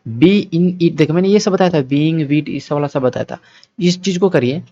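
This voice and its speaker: Speaking at a moderate pace in a warm, fairly high voice, a male teacher covers English grammar for exams in a blend of Hindi and English. His explanations are patient and repetitive, with frequent checks that students keep up. The sound is dull, dry and lo-fi.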